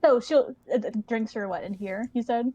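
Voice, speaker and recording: A woman's voice: a little high, normal speed, mellow, dry recording, muffled recording. A woman playing a tabletop game, hesitant and starting with ums. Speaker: player. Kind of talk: casual tabletop play.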